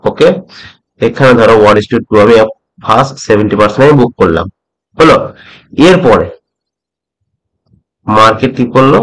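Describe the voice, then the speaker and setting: A middle-aged man from West Bengal teaching a trading method, talking slowly and repeating points, often checking that the listener follows. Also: fairly low pitch, expressive, fairly bright tone, poor audio. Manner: slow, repeats points, asks "ঠিক আছে?" often. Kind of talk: slow explanatory tutorial.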